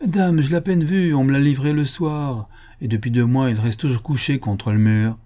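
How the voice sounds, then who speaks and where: A man's voice: medium pitch, steady tone, normal speed, dark tone, voice pushed up, lightly acted. A man voicing a hesitant, stammering male prison guard in an audiobook. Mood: flustered. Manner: flustered, stammering.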